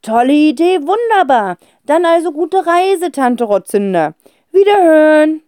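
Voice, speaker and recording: A woman's voice: fairly high pitch, animated, moderate pace, warm tone, no echo, clean studio sound, pitched above the performer's own voice, lightly acted. A woman voicing a flustered, hesitant middle-aged father who stammers in a children's audiobook.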